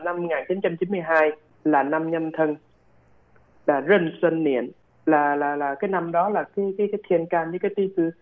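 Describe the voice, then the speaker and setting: Man on a phone line. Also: a little high. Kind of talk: casual explanatory chat.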